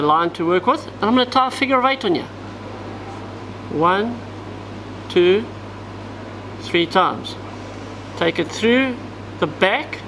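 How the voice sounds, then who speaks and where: A fishing tackle instructor gives a hands-on tutorial on tying a knot, describing each step as his hands do the work. His voice is fairly high for a man, and the indoor tackle-shop recording carries a clear air-conditioning hum.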